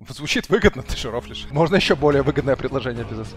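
A man's voice: mid-range voice, expressive, a little fast, faint music behind. A man in his thirties chatting casually on a gaming stream, swearing and repeating himself in a self-deprecating way. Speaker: live game streamer. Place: small room indoors. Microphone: headset boom mic.

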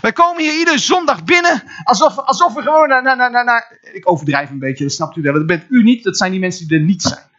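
A man with a Dutch accent preaching a sermon as pastor, animated, with repeated words and sudden exclamations. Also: very high voice, a little fast, highs cut off. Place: church hall.

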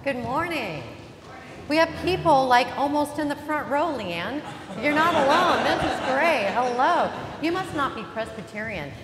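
An interim pastor delivers an Easter sermon in a church sanctuary, her high, expressive voice moving a little slowly as she chats and jokes while welcoming the congregation. The reverberant hall carries crowd noise and faint ambience.

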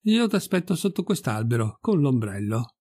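A man's voice: medium pitch, big pitch swings, moderate pace, warm tone, breathy edge. A man voicing a pompous older village priest who gives orders in a bossy, fussy way.

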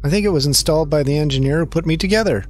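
A man voicing a stiff male service droid that explains its functions slowly. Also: a little high, a little mellow, soft background music, lightly acted. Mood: matter-of-fact.

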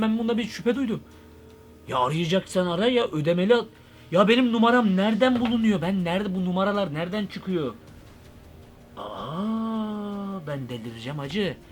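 A young man doing a comic vlog monologue, excitable and rambling, full of slang. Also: high-pitched. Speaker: YouTube comedian.

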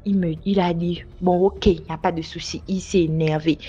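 A woman's voice: normal speed, breathy edge, soft background music. A young woman casually recounting a personal night-out story, animating the voices she quotes. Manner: lively, acts out quoted voices with big pitch jumps. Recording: slightly dull lo-fi sound.

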